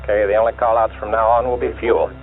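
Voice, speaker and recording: A man's voice: lowish voice, flat delivery, quick pace, music in the background. Give me a man making clipped call-outs through a crackly, tinny space radio link. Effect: crackly space radio transmission. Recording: tinny archive radio transmission.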